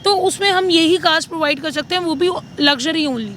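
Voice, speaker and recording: A woman's voice: very high voice, normal speed, fairly bright tone, a little hiss or hum. A woman car dealer presenting stock in a chatty sales style, listing details and switching between two languages. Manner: mixes Hindi and English, lists details. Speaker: used luxury car dealer. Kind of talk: sales presentation in casual chat.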